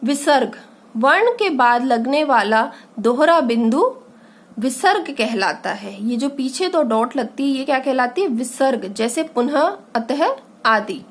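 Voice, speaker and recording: Woman, teacher, children's grammar lesson, high-pitched, unhurried, asks and answers her own questions. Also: lively intonation. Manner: asks questions and answers them herself, slow and patient. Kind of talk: grade-three Hindi grammar lesson.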